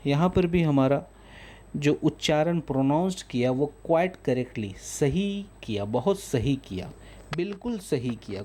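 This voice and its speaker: A man's voice: on the high side, a little mellow, slight background noise. A man teaching English grammar in a lesson, patiently reading out English definitions and explaining each one in Hindi.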